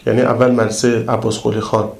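A man preaching to pilgrims, telling a story in a lively, colloquial way. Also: medium pitch, vocal fry, echoey room. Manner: colloquial, lively retelling of an anecdote. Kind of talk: storytelling sermon in casual speech.

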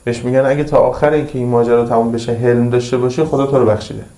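A male preacher giving a sermon who recites Arabic slowly and then explains it in plain, colloquial talk, using repetitive, emphatic phrasing. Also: medium pitch, steady tone, mellow. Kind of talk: religious sermon.

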